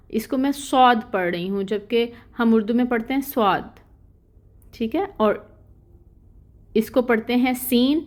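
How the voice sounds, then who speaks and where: A woman teaching an online lesson on Quran pronunciation, explaining patiently and often checking in with her students. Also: a little high. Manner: patient and explanatory, repeats "theek hai" to check in, demonstrates letter sounds. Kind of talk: recorded lecture on Arabic pronunciation.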